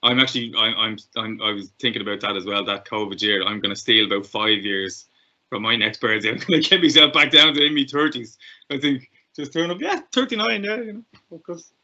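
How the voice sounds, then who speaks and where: A man's voice: mid-range voice, a little fast, sharp tone. An Irish man hosting an online information call, chatty and often restarting his sentences. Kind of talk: casual chat. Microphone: video call. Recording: muffled video-call audio.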